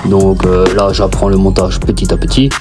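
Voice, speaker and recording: Deep-voiced Belgian man, chatty vlog. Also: monotone, normal speed, over music. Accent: Belgian French. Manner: chatty, informal, calls the viewer "mon copain". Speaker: YouTuber and mechanic. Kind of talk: casual vlog talk to camera. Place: basement workshop.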